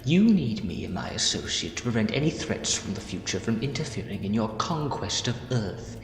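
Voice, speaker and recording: A man's voice: on the low side, big pitch swings, moderate pace. A man playing a bitter, decayed villainous mastermind in a fan audio drama, grandiose, persuasive and menacing. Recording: echoey hall, clear music behind.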